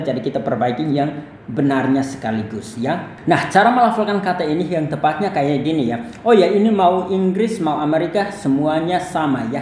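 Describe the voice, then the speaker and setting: A man's voice: fairly high pitch, darkish tone, roomy sound, slight background noise. A man from Indonesia teaching English pronunciation, explaining patiently and repeating each word several times. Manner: explains slowly, repeats words many times with "ya". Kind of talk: pronunciation lesson.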